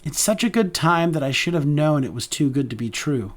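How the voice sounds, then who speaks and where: A man narrating a first-person romance audiobook in a warm, conversational manner. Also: a little high, expressive, fairly quick.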